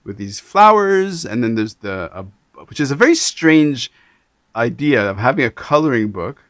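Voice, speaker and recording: A man from Canada hosting an interview, talking in an animated, rambling way with many restarts. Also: mid-range voice, normal speed, dry recording, studio quality. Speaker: podcast host. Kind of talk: casual interview chat.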